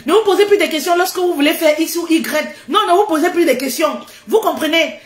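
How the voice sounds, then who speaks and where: Woman doing a loud casual pep talk, high voice, laughs a lot, echoey room. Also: fairly quick. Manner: loud, laughs often, repeats phrases for emphasis.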